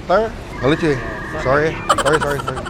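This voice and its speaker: A man's voice: a little high, a little fast. Chatty Indonesian man who can't roll his r's. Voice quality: can't roll his r (cadel), soft blurred r. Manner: chatty, joking. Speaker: food vlog host. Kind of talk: casual street food review and chat. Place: outdoors at a roadside food stall. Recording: music bed, outdoor street traffic sounds.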